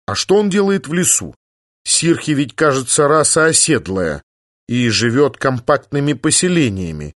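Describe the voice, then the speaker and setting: A skeptical engineer asks wry, probing questions, as a man plays him in an audiobook. The voice sits at a mid pitch, close to the reader's own. The recording is dry and intimate. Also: very animated, normal speed, a bit bright, no echo. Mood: questioning.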